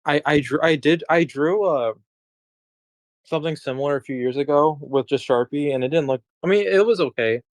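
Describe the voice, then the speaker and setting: A man's voice: on the high side, normal speed, dry recording. A man co-hosting a casual art podcast, rambling with lots of restarts and the odd swear word. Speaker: podcast co-host. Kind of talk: casual chat.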